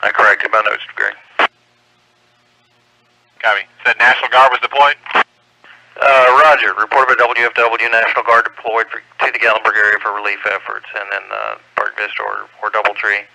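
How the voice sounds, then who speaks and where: An American amateur radio net controller gives terse, procedural emergency updates in clipped phrases over a two-way radio. His voice is low-ish, flat, and sharp, with vocal fry, at a moderate pace. The dry amateur radio transmission has poor audio.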